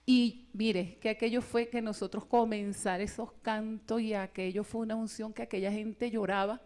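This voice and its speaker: A woman gives a spirited testimony at a church retreat. Her voice sits high. She tells her story with energy and acts out the voices of others along the way. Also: normal speed. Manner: animated storytelling, acting out quoted voices. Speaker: retreat speaker. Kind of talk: personal testimony in a retreat talk.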